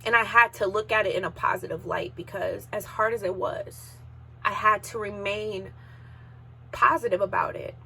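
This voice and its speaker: A woman's voice: mid-range voice, very animated, moderate pace, vocal fry, bright, forceful tone, slightly rough. A woman in her thirties hosting a podcast, telling a personal story in an emotional, sometimes tearful way while holding back tears. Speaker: podcast host.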